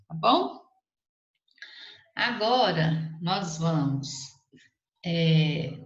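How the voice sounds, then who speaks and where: A woman's voice: on the low side, fairly bright tone. A woman teacher, patiently walking students through a recorded lesson and checking in with them often. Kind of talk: recorded remote class lesson. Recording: echoey room, slightly dull lo-fi audio.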